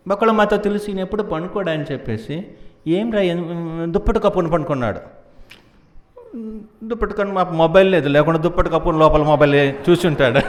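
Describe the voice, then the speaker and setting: A man's voice: a little high, reverberant. A man preaching a devotional story in a playful way, laughing often and acting out the characters.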